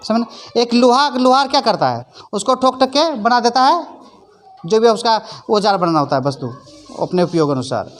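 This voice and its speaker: Woman teacher explaining, high voice. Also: sing-song, normal speed, soft background music. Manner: explains in plain repetitive phrases, checks understanding often; leads call-and-response recitation. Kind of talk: classroom lesson. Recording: faint background noise.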